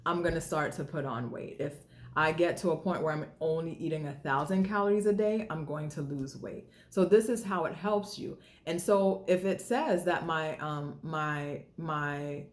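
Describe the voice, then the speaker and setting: Woman host with a low voice, relaxed teaching style, recorded in an echoey room. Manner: conversational, repeats key figures, restarts phrases. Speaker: host and health educator. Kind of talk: casual explanatory health talk. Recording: roomy echoey sound.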